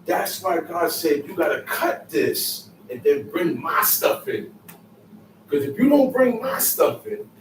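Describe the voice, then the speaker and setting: A man's voice: fairly high pitch, big pitch swings, slow pace, slight background noise. A man giving a Sabbath scripture lesson, emphatic and repetitive, in casual street phrasing. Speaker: Bible teacher. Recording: echoey room, mic far off, faint ambience.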